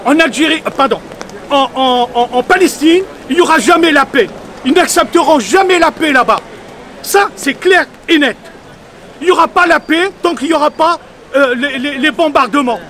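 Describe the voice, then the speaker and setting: An angry, insistent man speaks into a reporter's mic on a city street during a protest. His voice sits very high and sounds bright and forceful. He halts often, repeating words as he hunts for the next one, while a faint crowd murmurs around him. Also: moderate pace. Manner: hesitant, many restarts and repeated words. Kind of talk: street interview.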